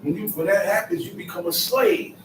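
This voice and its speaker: A man's voice: high-pitched, fairly quick, a little hiss or hum. A man giving a Sabbath scripture lesson, emphatic and repetitive, in casual street phrasing. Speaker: Bible teacher. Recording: echoey room, mic far off, faint ambience.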